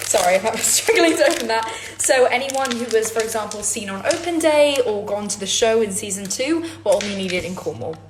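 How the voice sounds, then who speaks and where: Her voice on the high side with lively intonation, a teenage actress talks fairly quickly while answering fan questions indoors in her home kitchen. She grew up in London after being born in New York, so her mostly British accent sometimes slips American; chatty and giggly, she keeps repeating "really, really" in this casual vlog Q&A. The room is echoey with background noise.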